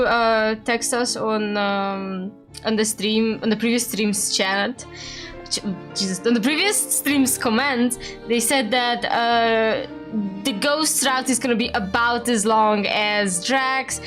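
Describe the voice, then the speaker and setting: A woman's voice: fairly high pitch, unhurried, fairly bright tone, soft background music. A woman livestreaming a game over a headset mic, chatting casually to her viewers in a rambling way and often correcting herself mid-sentence. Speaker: livestreamer playing a game with a co-host. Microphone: livestream headset audio.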